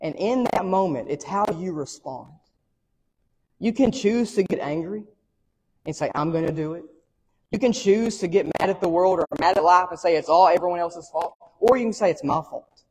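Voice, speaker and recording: A man's voice: high voice, a little mellow, husky, in a large hall, rough recording. A male pastor from the preaching an earnest sermon and repeating phrases for emphasis.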